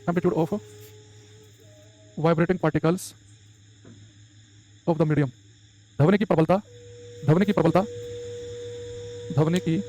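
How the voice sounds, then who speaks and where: Fast-talking high-voiced male teacher. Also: a little mellow, no room sound. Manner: dictates slowly word by word, then explains in quick Hindi. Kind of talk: classroom lecture with dictation. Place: classroom.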